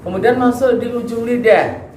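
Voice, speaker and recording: Man with a high voice leading a recitation lesson, echoey room with faint noise. Patient, question-led teaching. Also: moderate pace, a little mellow. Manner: patient, asks students questions, demonstrates sounds. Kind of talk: tahsin lesson on letter articulation.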